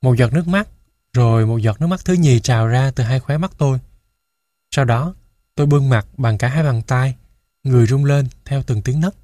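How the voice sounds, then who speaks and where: Brief: male audiobook narrator, mid pitch, measured first-person reading, dry close-mic sound. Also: mellow, no echo.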